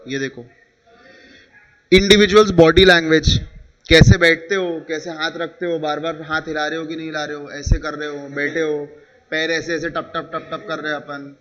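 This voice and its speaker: Indian guy lecturing a class, high voice, keeps asking if everyone's following, kinda dull lo-fi sound. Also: flat delivery, normal speed, a bit bright. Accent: Indian English. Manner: explains with examples, asks "ठीक है?" again and again. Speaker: teacher.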